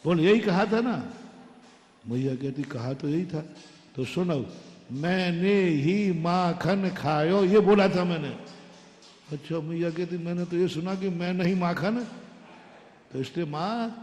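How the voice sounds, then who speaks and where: Guy preaching, kinda high voice, acts out the story bits, big echoey hall. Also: unhurried, long pauses. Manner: animated storytelling, acting out dialogue. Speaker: Jain monk preacher. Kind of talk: sermon.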